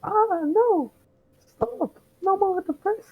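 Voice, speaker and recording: A woman voicing a flustered young woman in a squeaky, cartoonish mouse-like voice, breathless and stammering, in an amateur comedic reading on a muffled, lo-fi recording. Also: slow, full character voice.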